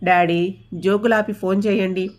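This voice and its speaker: A woman's voice: mid-range voice, fairly even intonation, measured pace, darkish tone, lightly acted. A woman voicing a young adult elder daughter who keeps pleading with her father in a storybook reading. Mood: insistent. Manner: pleading, insistent.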